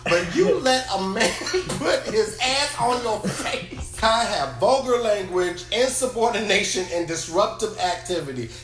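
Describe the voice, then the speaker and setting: A woman reading detention slips aloud and reacting with loud, incredulous comedy. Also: medium pitch, roomy sound. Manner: loud, incredulous, animated, laughing often. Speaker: reaction video commentator.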